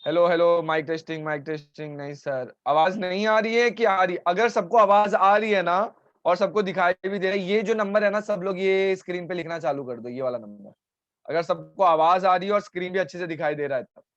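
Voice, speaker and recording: A man teaching a chemistry class live online in Hindi, explaining step by step and pausing to answer student questions, with a sore throat. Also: high-pitched, fairly bright tone, dry recording, lo-fi sound. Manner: talks to students, breaking off to answer chat complaints. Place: home, streaming over mobile data.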